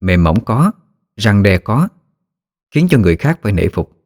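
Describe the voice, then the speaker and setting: Low-voiced male storyteller. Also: big pitch swings, moderate pace, darkish tone, dry recording, clean studio sound. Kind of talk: scripted ghost story narration.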